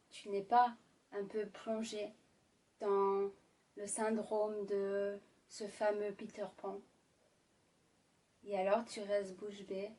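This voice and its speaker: A woman doing an ASMR role-play as a sultry, intimate ASMR narrator, speaking sensually to the listener with lingering pauses. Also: mid-range voice, darkish tone, recorded from a distance. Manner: slow, lingering delivery with deliberate pauses. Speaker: ASMR performer.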